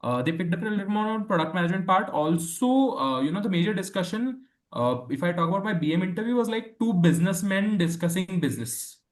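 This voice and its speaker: A young Indian man informally recounting his experience as a student guest, in a halting way with frequent fillers. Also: high-pitched, expressive. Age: young adult.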